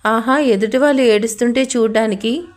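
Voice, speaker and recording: Lady reading a gloating villain henchman guy, mocking, kinda high voice. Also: brisk, natural voice.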